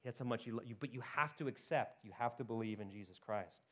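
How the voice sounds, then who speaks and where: A man preaching a sermon in an urgent, conversational way, often dropping quiet and then rising. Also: mid-range voice. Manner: urgent, conversational preaching with rapid swings in loudness.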